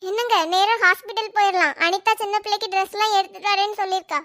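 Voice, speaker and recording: Woman, very high voice, bright tone, playful cartoon dialogue. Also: steady tone, quick pace. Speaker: voice actor for a family cartoon.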